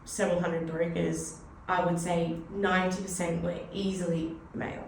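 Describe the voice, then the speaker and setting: Her voice fairly low, creaky and darkish with little pitch movement, this woman speaks at normal speed. She's an Australian in her thirties working as a finance broker, chatting reflectively in a casual podcast interview and leaning heavily on "you know." The audio has faint noise, room echo, and a distant mic.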